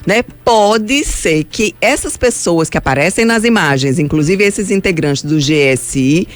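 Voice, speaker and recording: A woman's voice: lowish voice, lively intonation, unhurried. Skeptical woman pushing back on radio. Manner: skeptical, pushes back with counterarguments. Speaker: radio political commentator. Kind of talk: heated radio debate. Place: radio studio.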